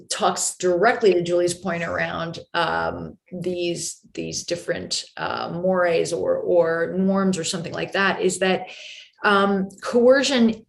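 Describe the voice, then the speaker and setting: Low-voiced woman moderating a video call. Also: gravelly. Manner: thoughtful, summarizing with many fillers. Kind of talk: casual discussion on a video call.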